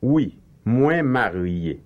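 A man reads translated phrasebook lines for a language course, slow and careful. His pitch rises and falls a lot, so the drill sounds lilting. The recording is dull and lo-fi, like an old cassette lesson. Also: sing-song.

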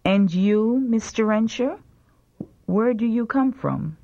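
Her voice is warm and a little high, with lively intonation, as she slowly reads a scripted phrasebook drill for a language course. Every line is carefully enunciated, and the tape recording sounds dull and lo-fi.

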